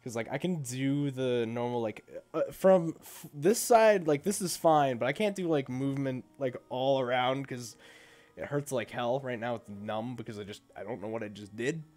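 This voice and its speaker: A man's voice: mid-range voice, normal speed, darkish tone, faint music behind. A man streaming a game while sick, groaning and poking fun at himself in casual chat. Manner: groaning, self-mocking complaints.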